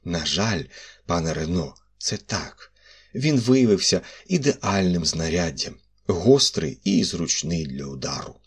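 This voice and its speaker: A man voicing a fussy, sentimental older examining magistrate with a husky voice and an officious manner. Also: low voice, animated, measured pace, full character voice. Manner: indignant, then indulgent.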